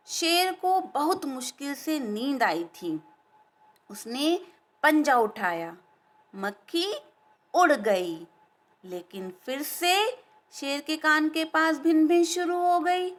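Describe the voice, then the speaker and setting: A woman's voice: high-pitched, animated, takes it slowly. A woman teacher telling a story to children, stopping to explain words and ask them questions.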